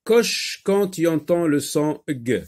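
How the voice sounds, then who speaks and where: Middle-aged guy teaching phonics to kids, slow and patient, keeps repeating the sounds. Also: on the high side, animated, a little mellow. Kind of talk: French phonics lesson for children.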